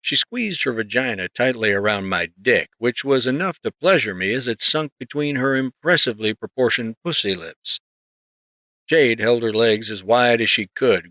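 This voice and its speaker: A man narrating a story in the first person, reading in a steady, measured way close to the mic. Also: medium pitch, dry recording. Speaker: audiobook narrator.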